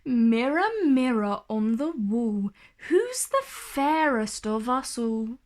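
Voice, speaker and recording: Evil queen for a children's storybook, female reader acting: vain, cruel, snappish, high-voiced. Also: big pitch swings, takes it slowly, darkish tone. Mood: vain, demanding. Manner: snarling, snapping, imperious.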